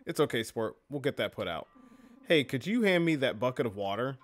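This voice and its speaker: A man's voice: medium pitch, lively intonation, fairly quick, faint music behind, close to an everyday voice. A man reading a weary orphanage keeper. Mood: fussing. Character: weary male orphanage keeper, fussing over kids.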